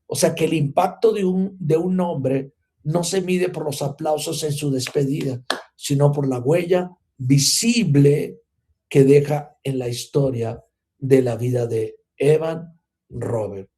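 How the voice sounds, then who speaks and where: A man teaching a church class on revival. His voice sits fairly high yet sounds mellow and warm, and he keeps drawing his listeners in with rhetorical questions. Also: slow pace. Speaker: Bible teacher.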